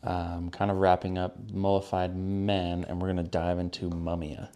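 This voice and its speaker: A man's voice: deep voice, flat delivery, normal speed, warm tone, clean tone. A young man co-hosting a casual podcast, laid-back, mostly reacting with short remarks and questions. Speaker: podcast co-host. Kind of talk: casual chat.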